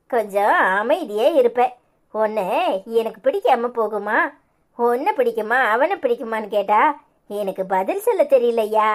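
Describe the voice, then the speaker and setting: A woman voicing a kindly, emotional elderly grandmother in a cartoon, speaking with a Tirunelveli Tamil accent in a soft, fond way. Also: fairly high pitch. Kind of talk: cartoon voice acting.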